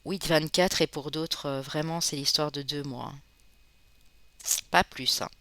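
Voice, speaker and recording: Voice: medium pitch, steady tone, bright, forceful tone, dry recording. A card reader from the Spanish Basque Country giving a casual, chatty tarot reading, often tagging sentences with "hein" and calling listeners friends. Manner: chatty, fills pauses with "hein", calls viewers friends. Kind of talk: informal tarot reading to viewers.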